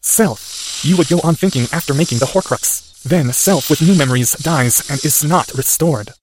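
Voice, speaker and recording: A man's voice: fairly high pitch, moderate pace, background noise, pitched above the performer's own voice, natural voice. A man voicing an earnest, anxious boy wizard, speaking in a strained, urgent way.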